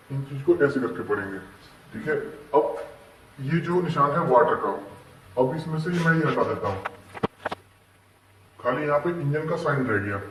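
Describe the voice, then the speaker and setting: A man explaining warning symbols to learners in a patient, step-by-step way, often asking whether it is clear. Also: a little high, reverberant, recorded from a distance, slight background noise, poor audio. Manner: patient, checks understanding with repeated questions. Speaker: instructor explaining dashboard warning signs. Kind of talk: classroom-style explanation.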